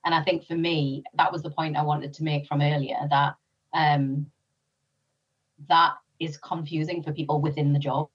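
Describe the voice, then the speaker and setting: A woman with a British accent talks as an interview guest. Her voice is low and her delivery thoughtful and sincere. The sound is somewhat dull, as if she sits away from the mic. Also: flat delivery, normal speed, recorded from a distance. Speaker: interview guest, former police officer. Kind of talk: conversational interview.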